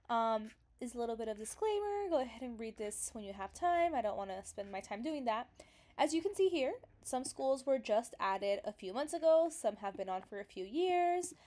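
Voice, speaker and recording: A woman's voice: fairly high pitch, expressive, moderate pace, mellow. A young woman getting over a cold, sniffly as she talks through a casual screen tutorial in a chatty, hesitant way full of fillers. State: recovering from illness, sniffly. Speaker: vlogger explaining law school admissions.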